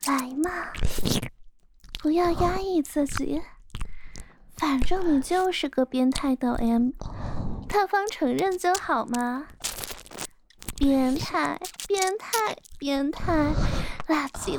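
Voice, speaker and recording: A woman's voice: high-pitched, slow, long pauses, background noise. A woman playing a scornful, domineering young girl in an ASMR role-play, mocking and coaxing her listener.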